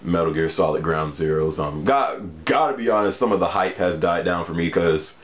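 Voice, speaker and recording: In an echoey room, a gaming vlogger with a low-pitched voice speaks at normal speed. His casual talk to camera about video games is relaxed and loose, packed with fillers such as "you know" and frequent laughter.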